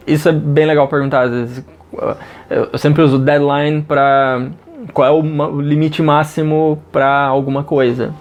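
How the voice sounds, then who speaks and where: A Brazilian man with a Brazilian Portuguese accent, teaching English phrases in a casual lesson and repeating them slowly. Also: medium pitch, darkish tone.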